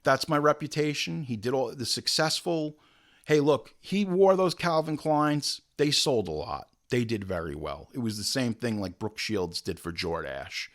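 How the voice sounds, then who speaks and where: A man hosting a show, telling film history in a casual, joking way with animated asides. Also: mid-range voice, a little slow. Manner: animated storyteller, jokey asides. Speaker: show host.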